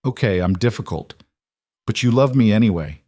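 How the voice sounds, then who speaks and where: A man's voice: lowish voice, expressive, moderate pace, mellow, dry recording. A man voicing a composed businesswoman with a dry, teasing manner.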